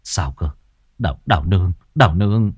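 A man's voice: deep voice, steady tone, fast, mellow, breathy edge, no echo, clean studio sound. Narrator voicing a feverish young man, strained and stammering, pushing through weakness. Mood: desperate.

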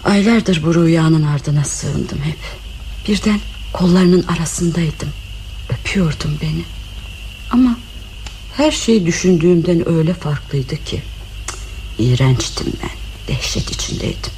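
An actress playing an anguished, unstable married woman in a broadcast radio drama, who lurches between scornful laughter, shouting and quiet confession. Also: high voice, expressive, normal speed, roomy sound, slight background noise. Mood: hushed, shaken.

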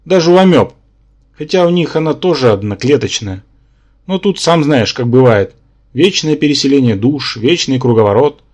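A man's voice: mid-range voice, lively intonation, moderate pace, a little mellow, close to an everyday voice. A man voicing a pedantic, lecturing male spirit symbiont who lives in the hero's head. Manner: lecturing, matter-of-fact.

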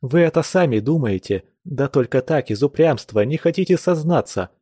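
A man's voice: medium pitch, lively intonation, moderate pace, mellow, husky, dry recording, clean studio sound. A man reading an eager young suitor. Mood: pleading. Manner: eager, pleading. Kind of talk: audiobook character reading.

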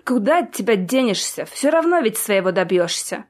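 A young prince from a storybook, worried and reproachful yet deeply caring, who talks slowly and earnestly, as a woman narrator puts him on. His lines stay close to the reader's own voice, with only a hint of sternness. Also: sing-song. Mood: grumbling.

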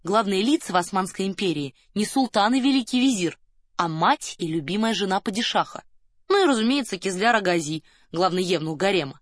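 A woman reading a detective audiobook aloud in an even, storytelling manner. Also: medium pitch, a little fast, no room sound, studio quality. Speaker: audiobook narrator. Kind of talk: scripted narration.

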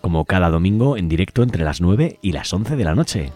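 A man from Spain, speaking with a Spanish accent, hosts a live community radio show from a studio in an informal, chatty style. His voice is low and darkish with a sing-song lilt at normal speed. The recording is dry, with music playing underneath.

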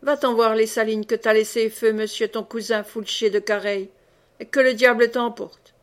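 A woman's voice: a little high, steady tone, normal speed, close to an everyday voice. A woman reading the part of a blustering, swearing knight commander in an audiobook. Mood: rousing.

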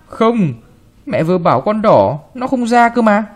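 A man's voice: sits high, sing-song, measured pace, pitched above the performer's own voice, exaggerated voice. A man voicing a spoiled little boy in a read-aloud story, sulky and pleading. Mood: whiny.

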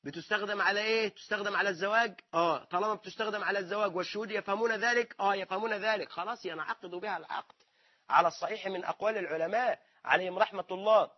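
Egyptian male religious teacher, raspy and high-pitched, quizzing his listeners, muffled lo-fi recording. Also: very fast. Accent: Egyptian Arabic. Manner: asks rhetorical questions and answers them himself. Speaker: Islamic scholar teaching. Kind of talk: religious lesson.

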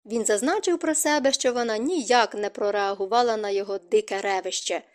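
A woman narrating an audiobook as scripted narration, in an expressive reading. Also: medium pitch, fairly quick.

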